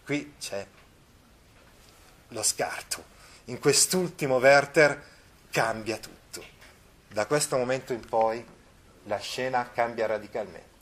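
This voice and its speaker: Guy teaching lit, reads a novel out loud then stops to explain, lots of eh and repeats. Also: medium pitch. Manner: pauses to comment, with fillers and repeats. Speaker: literature teacher. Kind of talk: reading aloud and explaining a novel.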